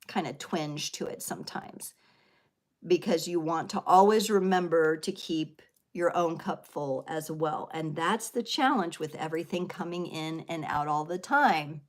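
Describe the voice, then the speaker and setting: A woman in her thirties hosting a live tarot stream, talking in an earnest, emotional way, a little teary, with lots of fillers and "right?". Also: low-pitched. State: teary, sniffling. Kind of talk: live stream spiritual talk.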